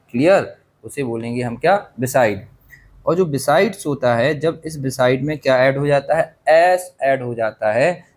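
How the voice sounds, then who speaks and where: A male teacher explaining an English chapter in a lesson, pausing to ask his class rhetorical questions and coughing now and then. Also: mid-range voice, darkish tone. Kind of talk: Hindi-medium English literature lesson.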